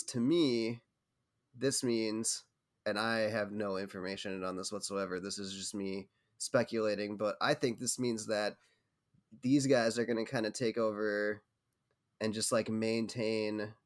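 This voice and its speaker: Upbeat man presenting gaming news. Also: on the low side. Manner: upbeat, laughs often. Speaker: podcast host reading news. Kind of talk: casual chat.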